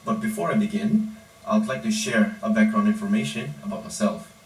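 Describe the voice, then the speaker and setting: Low-voiced young man, roomy echo. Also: animated, a little fast. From Indonesia. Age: 20s. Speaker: powerlifting coach and founder. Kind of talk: prepared personal monologue. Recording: roomy echo, distant mic, faint background noise.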